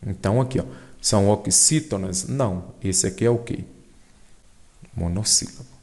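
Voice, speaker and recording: A man's voice: on the low side, moderate pace, darkish tone. A Brazilian man teaching an exam-prep grammar lesson, explaining step by step and checking in with his students.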